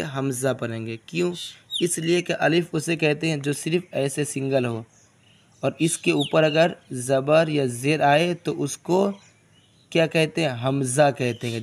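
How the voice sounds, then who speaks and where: Slow, patient male reading teacher. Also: a little high, slight background noise. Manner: patient, asks questions and answers them himself. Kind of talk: slow step-by-step recitation lesson.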